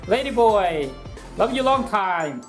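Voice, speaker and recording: A man in his thirties from Laos, casually explaining a recipe in his home kitchen, chatty and relaxed, filming himself at arm's length. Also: sits high, takes it slowly, faint music behind, low-quality recording. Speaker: vlog host. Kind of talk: casual cooking vlog.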